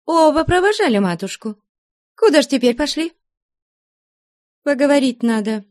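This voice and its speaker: A woman voicing a lively, headstrong young novice in a nunnery, eager and insistent. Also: high-pitched, moderate pace, voice pushed up.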